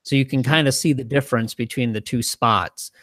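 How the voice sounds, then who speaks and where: A man with a mid-range voice co-hosting a podcast, explaining ideas in a measured, relaxed manner. The recording sounds dry and close. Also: medium pitch, dry recording. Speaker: podcast co-host. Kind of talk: casual podcast chat.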